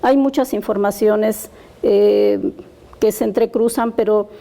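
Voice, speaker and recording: A woman speaking as a panel guest, giving measured analysis with frequent hesitant pauses. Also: medium pitch, steady tone, vocal fry, warm tone. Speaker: press freedom representative, panel guest.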